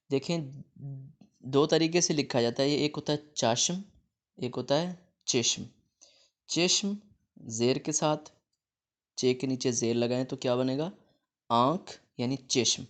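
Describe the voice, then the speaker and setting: A man with a Pakistani Urdu accent teaching a Persian lesson, saying each word louder and then explaining it more quietly. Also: medium pitch, long pauses. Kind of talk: classroom-style lesson explaining vocabulary.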